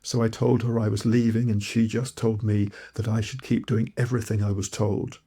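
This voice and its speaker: A man's voice: fairly low pitch, level tone, normal speed, warm tone, slightly rough. A man from Malawi, narrating his own audiobook in a reflective, earnest storytelling way. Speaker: author and narrator.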